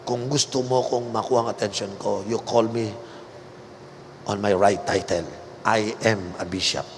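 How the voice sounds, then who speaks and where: A man's voice: on the low side, fairly even intonation, measured pace, voice pushed down. A man with a Filipino accent playing a haughty, proud bishop who lectures coldly. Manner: cold, lecturing. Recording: long hall reverb, faint noise.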